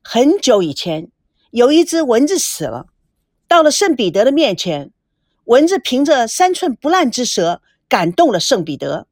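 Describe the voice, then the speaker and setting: A woman narrating a story with a lively, expressive reading. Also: on the high side, normal speed, no room sound, studio quality. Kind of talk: scripted narration.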